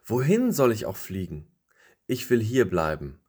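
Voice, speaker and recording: A man's voice: lowish voice, huge pitch swings, unhurried, darkish tone, breathy edge, full character voice. A man voicing a stubborn, lonely last leaf clinging to its tree in a spoken storybook, speaking with firm insistence.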